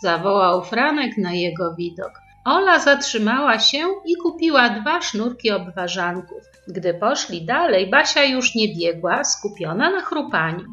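A woman reading a children's story aloud to preschoolers, slow and expressive. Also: medium pitch. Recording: slightly dull recording with faint music.

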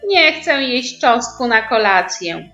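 A woman reading a storybook voices a lively, cheeky little girl with a high, squealing, excited voice, in a roomy recording with faint music. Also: slow, highs cut off, full character voice. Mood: disgusted.

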